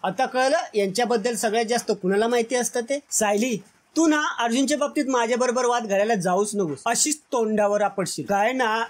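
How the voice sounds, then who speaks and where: A man's voice: extremely high pitch, a little fast, pitched above the performer's own voice. A man voicing a spiteful young woman who taunts her rival. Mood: taunting. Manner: taunting, mocking.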